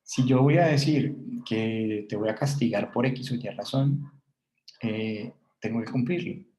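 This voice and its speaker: A man with a Colombian Spanish accent lectures to a class. His voice is dark and mellow, and he explains patiently, thinking aloud with fillers and restarts. The room is roomy and echoey. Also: fairly low pitch, measured pace.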